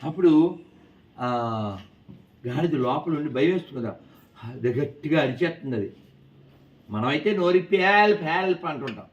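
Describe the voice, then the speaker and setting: A man telling a lively moral story to schoolchildren in an animated, coaxing way, quizzing them as he goes. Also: on the high side. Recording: distant, dull with faint noise.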